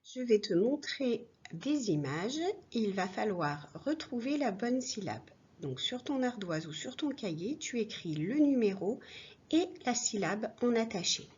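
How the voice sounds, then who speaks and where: Slow patient teacher woman, muffled recording. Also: a little high, sing-song, darkish tone. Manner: slow, clear, patient, addressing a child directly. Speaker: primary school teacher. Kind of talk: recorded reading lesson for young pupils.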